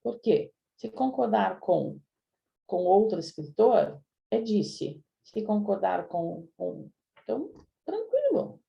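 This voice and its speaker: In a live online grammar review class, a Portuguese language teacher chats with her students and keeps checking in with them. Her medium-pitched voice is animated but slow, with vocal fry, and the audio sounds dull. She speaks to the students directly, often tagging on "né?".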